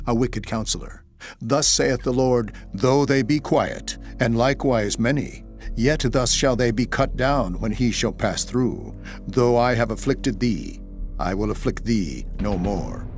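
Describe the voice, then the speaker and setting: A man giving a dramatized scripture narration in a solemn, declamatory way. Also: medium pitch. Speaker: Bible narrator. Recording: music behind the voice. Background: background music.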